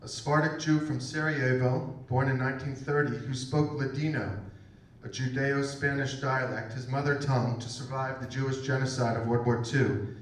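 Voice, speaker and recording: A man hosting a campus event, giving a formal introduction and announcements with measured pauses. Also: medium pitch, fairly even intonation. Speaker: program host introducing an event. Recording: echoey room, far from the mic.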